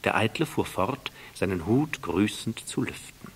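A male narrator reading an audiobook aloud, calm and even in his storytelling. His lowish voice is gravelly and husky, with a rough grain. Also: unhurried.

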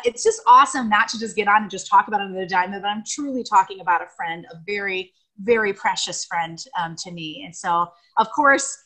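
A woman's voice: medium pitch, fairly bright tone, low-quality recording. An American woman on a video call giving an emotional, gushing tribute to a friend, rambling with fillers. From United States. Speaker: guest speaker on video call. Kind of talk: heartfelt tribute speech.

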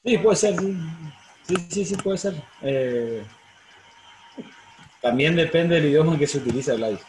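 Profesor argentino de mediana edad, clase por videollamada, algo de ruido de fondo. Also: male voice, on the high side, expressive, unhurried, darkish tone. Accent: Argentine Spanish. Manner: explanatory, frequent fillers and self-corrections. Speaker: law professor. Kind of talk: online university lecture. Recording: roomy sound, faint noise.

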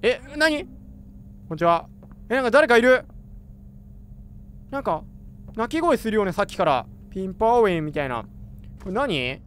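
A man doing chatty, excitable commentary while playing a horror game, reacting aloud with jumpy exclamations. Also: high voice, moderate pace, long pauses, a little hiss or hum. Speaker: gamer. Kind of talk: let's play commentary.

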